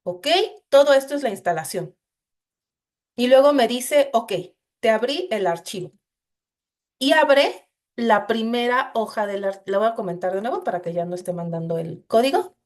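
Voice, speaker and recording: A woman's voice: on the high side, expressive, normal speed, darkish tone. A woman teaching a screen-share coding lesson, explaining each step to her students and often saying "entonces". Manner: explanatory, addresses students directly with frequent "entonces". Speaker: instructor.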